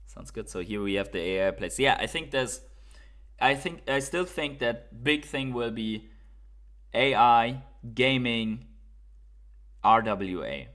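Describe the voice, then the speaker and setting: A man's voice: mid-range voice, expressive, slow pace, fairly bright tone. A man from Germany with a German accent, hosting a casual crypto livestream, reading viewer comments and thinking aloud with fillers and repeats.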